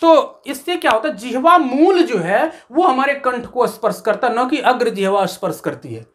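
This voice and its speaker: Higher-pitched woman teaching Hindi phonetics. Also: animated. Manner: explains step by step, asks questions and answers them herself; recites letters of the alphabet slowly. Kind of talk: classroom lesson explanation.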